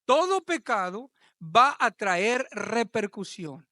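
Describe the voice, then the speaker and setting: A man preaching a sermon as pastor, swelling from low talk to loud, shouted passages. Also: big pitch swings, slow pace, no echo, studio quality.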